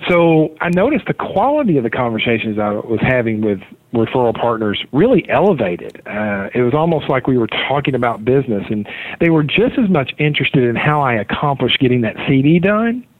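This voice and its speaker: A man's voice: mid-range voice, dry recording. A man telling his business story earnestly in a casual interview, heard over a call line. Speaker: podcast guest, mortgage marketer. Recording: tinny phone-line audio.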